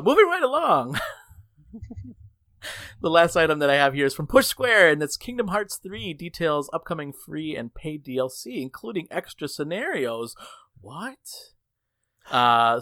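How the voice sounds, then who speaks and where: A man telling stories with a lively, wide-swinging voice, close and dry on the mic. He laughs often as he talks and jumps high to imitate others. He is chatting casually as a podcast co-host. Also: no room sound. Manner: animated storyteller, jumps high to mimic others; laughs often while talking. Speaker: podcast co-host reading gaming news. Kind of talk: casual chat and anecdote.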